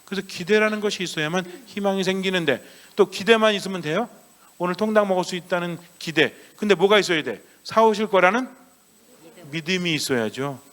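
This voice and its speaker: Priest with a lively, questioning sermon voice. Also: male voice, high voice, fairly quick. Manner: asks the congregation many questions and answers himself; acts out children's voices in a playful story. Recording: long church reverb.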